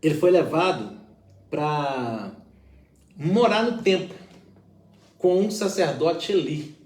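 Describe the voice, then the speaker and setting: A man speaking as a pastor in a relaxed conversational reflection, his voice high and very animated. He explains earnestly and leans on everyday examples. The sound is roomy and he sits a little away from the mic. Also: takes it slowly, recorded from a distance.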